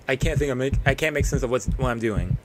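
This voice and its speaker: A man's voice: medium pitch, moderate pace, heavy background noise. A man streaming a game, reading its narration aloud and breaking off to react and joke. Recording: voice over game music.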